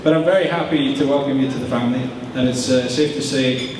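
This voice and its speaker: A man's voice: medium pitch, fairly even intonation. Echoey, distant man giving a wedding toast speech. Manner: halting, joking delivery with frequent chuckles. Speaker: best man. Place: large reverberant room at wedding reception. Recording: echoey hall, far mic, audience noise. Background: wedding guests chattering and reacting.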